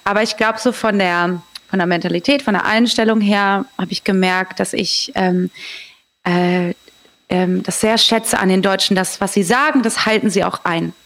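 German woman chatting as a guest, mid pitch, direct and candid, telling stuff casually. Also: fairly even intonation, moderate pace, fairly bright tone. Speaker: interview guest. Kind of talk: casual conversational storytelling.

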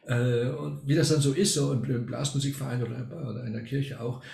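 A man's voice: mid-range voice, fairly even intonation, brisk, gravelly, mellow, reverberant. An older man from Argentina, a retired music professor, telling a story at length as an interview guest, with frequent hesitation fillers. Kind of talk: casual interview.

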